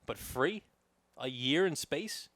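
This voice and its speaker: A man's voice: fairly high pitch, lively intonation, slow, fairly bright tone, dry recording. A man with a New York accent co-hosting a podcast, teasing his friend with hypothetical questions in casual banter. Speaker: podcast co-host.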